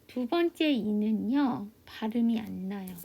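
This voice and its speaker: A woman teaching English pronunciation in an online class, asking questions and answering them herself, often dropping to a soft half-whisper. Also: fairly high pitch, lively intonation, takes it slowly, gravelly, slightly rough. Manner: patient step-by-step drilling, asks and answers own questions. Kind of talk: online phonics lesson. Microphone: computer mic for a video class.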